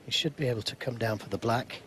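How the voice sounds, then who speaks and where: A man giving measured snooker commentary in short, unhurried phrases. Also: mid-range voice, fairly bright tone, a little hiss or hum. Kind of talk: sports commentary. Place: live snooker broadcast commentary.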